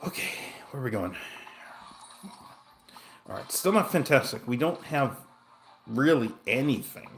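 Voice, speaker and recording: A man's voice: medium pitch, animated, measured pace, gravelly, long pauses, fairly bright tone. A young man chatting casually over his gameplay, rambling and self-deprecating while telling a story. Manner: rambling, self-deprecating, frequent fillers and restarts. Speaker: gaming streamer.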